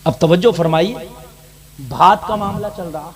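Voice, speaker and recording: A man preaching a sermon to a gathering, fiery and direct, rising into shouts. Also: high-pitched, unhurried, crowd noise. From India. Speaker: mufti preacher.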